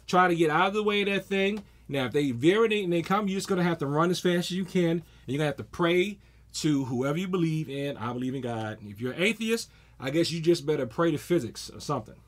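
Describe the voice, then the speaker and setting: Animated man telling self-defense stories. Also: fairly high pitch, fairly quick. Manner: animated storyteller, acts out scenes. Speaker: martial arts instructor. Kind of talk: casual self-defense talk to camera.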